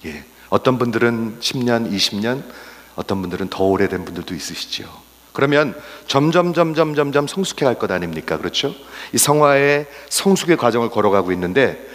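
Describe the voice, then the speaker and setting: A male pastor preaching a sermon, swinging from raised exclamations to hushed, whispered asides and mixing English words into his Korean. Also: medium pitch, big-room sound.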